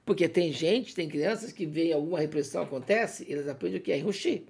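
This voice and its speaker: A woman with a Brazilian accent, a guest in a casual chat, telling stories in an animated, dramatic way and laughing often. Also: deep voice, quick pace, creaky, husky.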